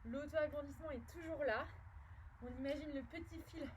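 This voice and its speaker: A French fitness instructor with a high, light voice leads a workout, cheering her viewers on and counting reps aloud. She talks while she moves on a mat. Faint background noise runs under the recording. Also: moderate pace.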